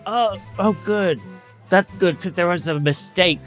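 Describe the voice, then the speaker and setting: A man voicing a drunk elf who was turned into a turkey, talking in a nervous, high, squeaky way. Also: measured pace, fairly bright tone, faint music behind.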